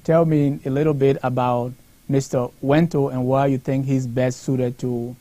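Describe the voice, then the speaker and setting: A man hosting a political panel discussion, asking questions in a measured, formal way. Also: mid-range voice, little pitch movement, dark tone, low-quality recording. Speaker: talk show host.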